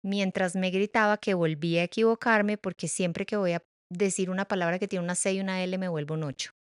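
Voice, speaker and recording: A middle-aged woman hosting a reflective podcast monologue, expressive and playful, shifting pace and loudness and laughing at her own stumbles. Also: fairly low pitch, a little fast, smooth, no room sound, clean studio sound. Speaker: podcast host.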